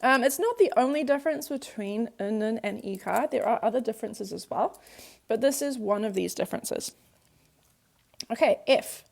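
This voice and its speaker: A native English-speaking woman teaches a workbook lesson, patiently walking through examples step by step and repeating the key points. Her voice sits on the high side and is a little creaky, with lively intonation and a slightly fast pace.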